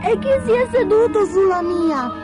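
A woman voicing a small, squeaky baby bear in a storybook reading. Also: animated, normal speed, loud music behind the voice. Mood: whiny. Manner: squeaky, whiny.

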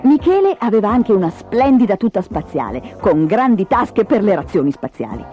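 Animated woman reading a children's story. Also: medium pitch, moderate pace. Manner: expressive, animated. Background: music.

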